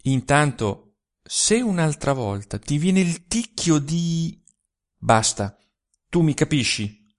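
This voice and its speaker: A man reading an audiobook, voicing a stout, gruff old farm steward who gives loud, emphatic, threatening orders. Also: on the high side, expressive, slow pace, voice pushed up. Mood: menacing.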